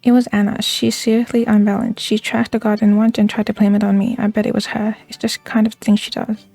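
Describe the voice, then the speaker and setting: A woman voicing a defensive household suspect in a game, quick to put the blame on others. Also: mid-range voice, little pitch movement, gravelly, mellow, dry recording, faint music behind. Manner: defensive, blaming. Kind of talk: read-aloud game character dialogue.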